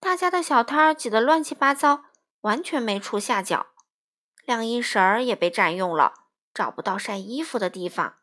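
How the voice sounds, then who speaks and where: A woman's voice: a little high, moderate pace. Woman reading a children's story aloud. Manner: lively, expressive storytelling.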